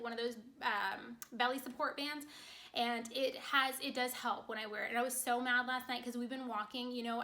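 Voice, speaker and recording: A woman talks to her viewers in a quick, chatty vlog, her voice a little raised in pitch and notably bright. She sounds congested and slightly out of breath as the words tumble out fast. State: short of breath. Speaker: vlogger. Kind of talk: casual chat to camera.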